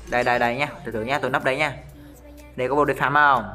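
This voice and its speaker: A man commenting live on his own match in a quick, bright, fairly high voice. He keeps up a restless stream of repeated callouts aimed at his viewers, while soft music plays underneath. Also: fairly even intonation. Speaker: gaming streamer.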